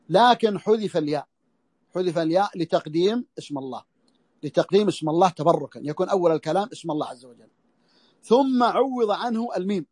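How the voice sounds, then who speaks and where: Guy giving a religious lesson, high voice, dry close sound, keeps repeating his phrases. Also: a little mellow, dry recording. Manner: repeats phrases slowly for emphasis. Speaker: Islamic scholar teaching a text. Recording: audio lesson over the internet.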